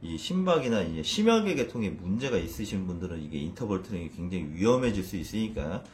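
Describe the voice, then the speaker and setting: A man's voice: fairly low pitch, big pitch swings, fast, a little mellow, slight background noise. A man in his thirties explaining exercise as a fitness trainer in a casual video, stumbling and restarting with a self-deprecating manner.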